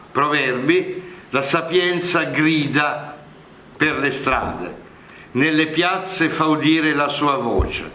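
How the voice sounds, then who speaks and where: A man gives a slow, deliberate Bible commentary lesson, with a bright, forceful tone that carries. He explains patiently, stopping to check in with his listeners. The recording has a roomy echo. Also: fairly high pitch, slight background noise. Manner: measured, explanatory, asks rhetorical "no?" and "eh?". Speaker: Bible teacher. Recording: echoey room.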